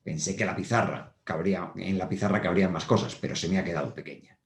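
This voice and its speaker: A low-voiced man speaks fast while giving a patient whiteboard grammar lesson to primary schoolchildren. As their teacher, he repeats every point and keeps checking in with them, and the audio echoes around the room.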